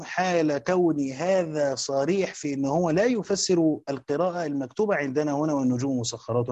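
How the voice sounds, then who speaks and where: Fast-talking Egyptian man lecturing. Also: on the high side, darkish tone, dry recording. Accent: Egyptian Arabic. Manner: rapid, repeats points and quizzes students. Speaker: teacher of Quranic exegesis. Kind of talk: classroom lecture.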